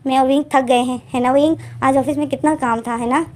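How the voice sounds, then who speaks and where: Woman playing a teasing young guy, cheeky, high voice. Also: steady tone, a little fast, lightly acted. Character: playful teasing young man, mischievous.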